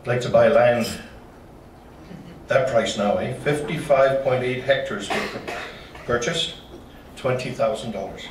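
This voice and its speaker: A man's voice: mid-range voice, unhurried, long pauses, slight background noise. Folksy man lecturing in a hall. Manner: folksy, with joking asides. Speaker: local history presenter. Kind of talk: slide-show talk to a club. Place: meeting room. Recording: roomy hall from far off.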